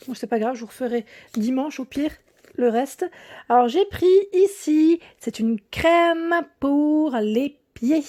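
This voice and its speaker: Young woman, casual haul chat, fairly high, mellow tone, lots of fillers and restarts. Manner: chatty, hesitant with many fillers and restarts, laughs often. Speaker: YouTube vlogger.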